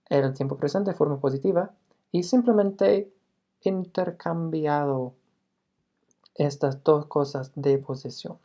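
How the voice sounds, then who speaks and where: A woman's voice: low voice, dark tone, dull audio. A woman teaching a beginner English lesson, explaining step by step and patiently, with filler sounds between phrases.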